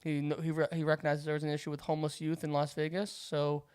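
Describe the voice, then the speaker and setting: A young woman co-hosting a podcast in casual chat, trading gossip and running through sports news in a deadpan way. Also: deep voice, fast talker. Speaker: podcast co-host.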